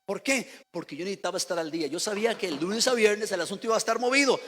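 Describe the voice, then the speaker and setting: A male pastor from Costa Rica speaks fast in a high, fairly bright voice during his Sunday sermon, putting questions to the congregation and having them repeat after him. Recorded in a church sanctuary, it has hall reverb and a little background noise.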